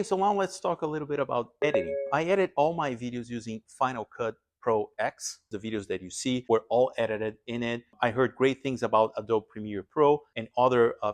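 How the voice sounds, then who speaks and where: In a medium-pitched voice, a little fast and with hardly any pauses, a man who flies and hosts an aviation vlog gives a casual, explanatory walkthrough of his equipment to camera.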